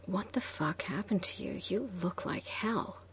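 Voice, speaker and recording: A woman's voice: mid-range voice, a little slow, slight background noise, close to an everyday voice. A woman voicing a laid-back young male friend in a whispered role-play, crude and joking.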